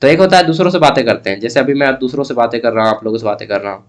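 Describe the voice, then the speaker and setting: A young man giving an exam-prep lecture, explaining slowly and checking in often as he goes. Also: mid-range voice. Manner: explains slowly with Hindi-English mixing and frequent "theek hai". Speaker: teacher.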